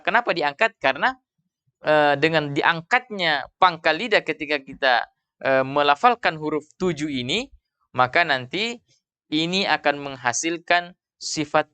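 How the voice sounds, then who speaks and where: A man's voice: a little high, sharp tone, dry recording. A man teaching a tajwid lesson, explaining steadily and often saying "iya" between points. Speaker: Quran recitation teacher. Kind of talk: tajwid lesson with call-and-repeat.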